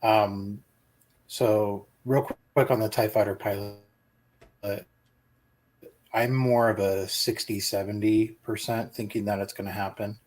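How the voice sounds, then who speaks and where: Brief: low-voiced man, flat delivery, remote co-host, bad call line that keeps cutting out. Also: takes it slowly, long pauses. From Utah, USA. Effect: breaking up over a bad internet call connection. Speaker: co-host on a live stream. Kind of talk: casual live-stream chat. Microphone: remote video call.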